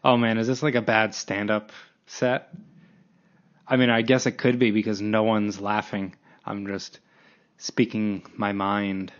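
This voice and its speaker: A man's voice: fairly low pitch, little pitch movement, unhurried, smooth, muffled recording. A man in his late twenties hosting a solo podcast, rambling casually and self-deprecatingly with frequent restarts. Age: 20s. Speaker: podcast host.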